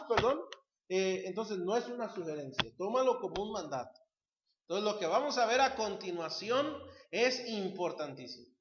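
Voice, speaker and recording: A man preaching a sermon, emphatic and asking the congregation questions. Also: high-pitched. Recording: roomy, slightly dull church recording.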